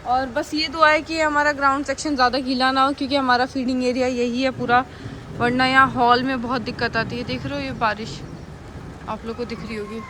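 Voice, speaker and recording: High-voiced woman vlogging over noise. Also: little pitch movement, fairly quick. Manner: speaks with care to keep from tripping over words. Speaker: animal rescuer running a shelter. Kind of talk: casual vlog to viewers. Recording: noisy phone recording with rain behind.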